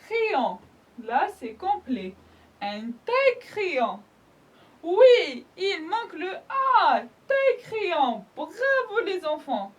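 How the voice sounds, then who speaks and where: A woman's voice: extremely high pitch, very animated, very slow. A woman teaching young children a French spelling lesson, speaking patiently, sounding out each letter and praising the class often. She speaks French with an Algerian accent. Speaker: primary school French teacher.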